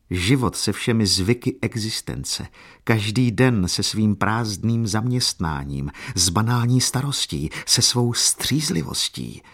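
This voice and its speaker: A man narrating a literary audiobook in a measured, solemn reading voice. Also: on the low side, husky.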